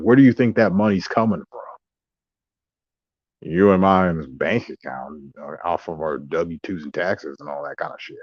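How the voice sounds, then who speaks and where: A man's voice: deep voice, no echo. A man talking in a rambling casual monologue, drifting between asides and mocking quoted voices. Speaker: vlogger. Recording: dry, dull lo-fi sound.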